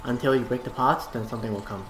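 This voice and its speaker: A woman with a strikingly deep voice chats playfully while playing a co-op game, now and then making little sound effects. She is recorded at home in a noticeably echoey room. A faint hiss sits under her. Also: fairly even intonation, quick pace. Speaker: co-op gameplay player. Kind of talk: casual gameplay chat.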